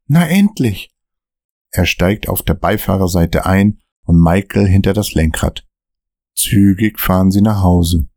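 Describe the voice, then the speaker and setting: A man narrating a scripted story podcast in a steady, measured way. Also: sits low, no echo, clean studio sound.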